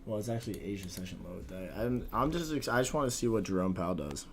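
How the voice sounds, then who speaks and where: A young man trading forex on a live stream, talking casually in slang with a husky voice like a smoker's, often mumbling and trailing off. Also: lowish voice, animated, quick pace, a little hiss or hum.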